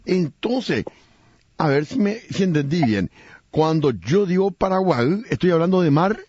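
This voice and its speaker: A man's voice: a little high, sing-song, a little slow, a little mellow, slightly rough, dry recording, lo-fi sound. A man hosting a radio interview, asking questions and recapping the answers to check them. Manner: inquisitive, recapping to check understanding. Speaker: radio host.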